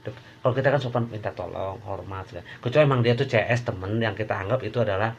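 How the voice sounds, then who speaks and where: A man's voice: on the low side, fast, vocal fry, highs cut off, slight background noise. A man who is an Islamic preacher, giving an informal, joking sermon with frequent rhetorical asides to his listeners.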